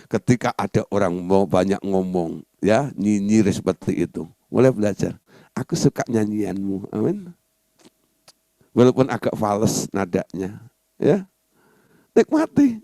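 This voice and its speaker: A male pastor giving a lively, playful sermon, often asking his listeners "right?" as he goes. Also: on the low side, a little slow, dry recording. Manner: animated, playful, often asks "right?" and "yes".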